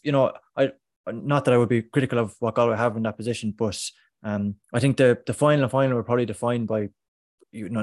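Irish guy doing sports punditry, talks fast, mid pitch, no room sound. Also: a little mellow, no room sound, clean studio sound. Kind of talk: casual sports analysis.

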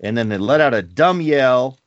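Here a podcast co-host in his forties chats at a normal pace, his mid-range voice animated as he wanders from point to point and chuckles at his own asides. No room sound comes through, but the recording is slightly muffled.

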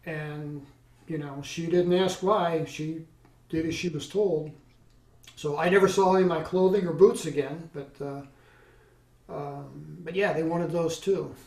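A middle-aged man recounting a past experience in a halting, conversational way, with many restarts. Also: a little high, steady tone, gravelly, darkish tone. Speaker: interview guest recounting experience. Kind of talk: conversational storytelling. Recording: roomy, distant from mic.

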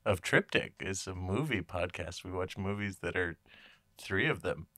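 A man's voice: low-pitched, expressive, normal speed, a bit bright, no room sound. A young adult man co-hosting a podcast in casual chat, making joking asides. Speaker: podcast co-host.

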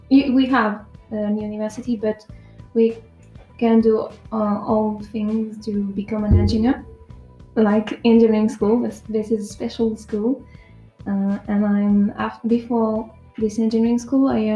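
Mellow young Frenchwoman, French accent, echoey room. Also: a little high, muffled recording. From south of France. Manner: hesitant, searching for words. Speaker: volunteer guest on a radio show. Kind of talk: casual interview answers. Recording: roomy echo, faint music behind.

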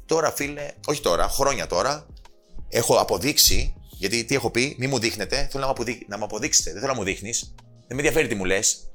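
A man's voice: medium pitch, lively intonation, a bit bright, faint music behind. A man guest on a casual podcast, talking passionately and emphatically, swearing freely and quoting people in changed voices. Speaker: podcast guest, personal trainer and author.

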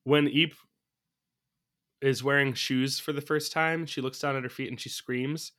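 A man's voice: medium pitch, fairly even intonation, a little slow, sharp tone. A man chatting casually about a movie as a podcast co-host, thinking aloud from his notes and laughing often. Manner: laughs often while talking.

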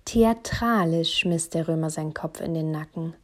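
A woman's voice: low-pitched, normal speed. A woman reading a first-person story aloud in a wry, teasing way. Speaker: narrator.

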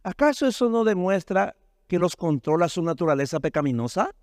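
A male pastor preaching a sermon, often calling his listeners "brother" and asking them "right?", his pitch swinging sharply up and down. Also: very animated, fairly quick, darkish tone, dry recording, studio quality. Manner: preaching with sudden rises and drops in pitch, many rhetorical tag questions.

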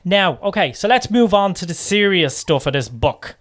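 A middle-aged Irish woman hosting a relaxed chat, her voice sitting low for a woman yet swinging widely up and down. She is playful and encouraging, firing off quick questions. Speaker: host interviewing a child about books. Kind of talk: casual chat.

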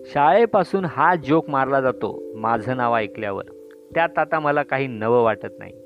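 A man's voice: medium pitch, expressive, moderate pace, natural voice. A man voicing a showy, flirty male cooking teacher in a storybook reading, sprinkling in English phrases, on a dull lo-fi recording with faint music.

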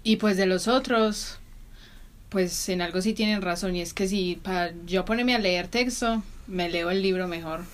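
A woman's voice: medium pitch, a little slow. A young adult woman co-hosting a casual podcast chat, hesitant and searching for words. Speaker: podcast co-host.

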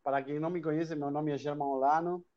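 A Spanish-speaking hostel chain owner from Argentina, with an Argentine accent, talks fast as a guest in a live online interview. His voice is fairly high, a little mellow and fairly even in intonation, and the audio is dull; he's talkative, with many restarts and tag questions.

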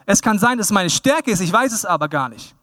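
Pastor in his thirties, high voice, dry close sound, lively sermon with acted-out quotes. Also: fairly quick, no echo. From Bavaria. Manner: lively, animated, acts out quoted people in raised voice.

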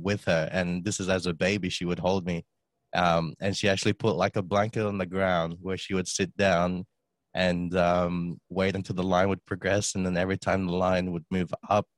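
A young man in his twenties with a very low voice, chatting as a podcast guest. He rambles easily, with plenty of "um"s and a laugh here and there. The sound is dry and close to the mic. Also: normal speed, no room sound. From Australia. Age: 20s. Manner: relaxed, rambling, with many fillers and laughs. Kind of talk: casual conversation.

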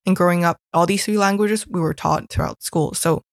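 In this casual chat, a guest, a young woman from Hong Kong, tells stories about her school experiences and leans heavily on the word "like." She speaks a little fast in a lowish, gravelly voice with fairly even intonation; the studio recording is clean and echo-free.

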